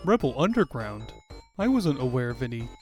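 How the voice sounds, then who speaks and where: A man voicing a brisk, earnest young princess who leads freedom fighters in a cartoon fandub. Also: medium pitch, sing-song, a little mellow, faint music behind, close to an everyday voice. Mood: guarded, polite.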